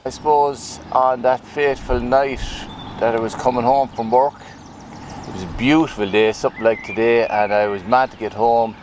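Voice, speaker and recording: A man's voice: mid-range voice, fairly even intonation, moderate pace, background noise. A middle-aged Irish man, a retired butcher, telling his story in an interview, hesitant and reflective with many fillers. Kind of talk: personal testimony interview.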